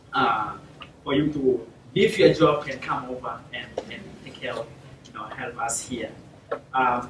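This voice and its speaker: A man's voice: on the high side, a little hiss or hum. South Sudanese man speaking to a class. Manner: formal, warm thanks, many fillers and "my dear friends". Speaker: guest speaker. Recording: echoey classroom, from far off.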